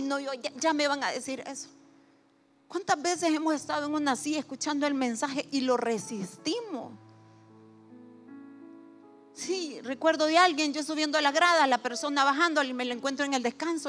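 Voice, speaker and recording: High-voiced woman preaching. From Honduras. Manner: animated, swings between loud emphasis and hushed asides; acts out people's words in little quoted voices. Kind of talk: sermon.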